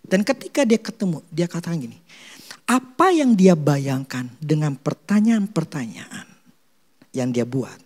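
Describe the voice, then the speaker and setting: A man's voice: fairly high pitch, measured pace. A male pastor preaching, telling stories and acting out short quotes. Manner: animated storytelling with acted quotes; casual Jakarta slang (gue, lu). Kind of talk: sermon.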